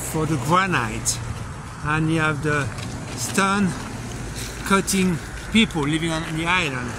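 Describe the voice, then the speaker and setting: Slow-talking man on a walking tour. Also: a little high. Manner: relaxed, unhurried, pausing with fillers. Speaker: travel vlogger. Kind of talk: casual walking tour narration. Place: outdoors on a quiet island street. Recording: outdoor street noise behind.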